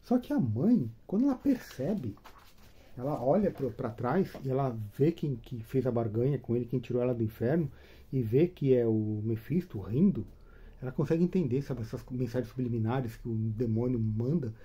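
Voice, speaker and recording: A man casually retelling a comic book story, chatty and animated, tagging his sentences with questions. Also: medium pitch, normal speed, husky.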